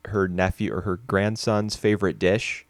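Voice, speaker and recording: A man's voice: low-pitched, level tone, normal speed, dry recording. A man co-hosting a podcast, talking films casually with frequent restarts and fillers. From United States. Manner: hesitant, restarts often, chatty. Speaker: podcast co-host. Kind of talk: casual film discussion.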